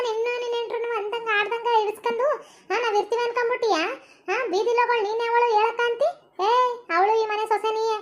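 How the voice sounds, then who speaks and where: A woman's voice: extremely high pitch, fairly bright tone, pitched above the performer's own voice. A woman voicing a bossy older mother-in-law who scolds in a North Karnataka Kannada accent.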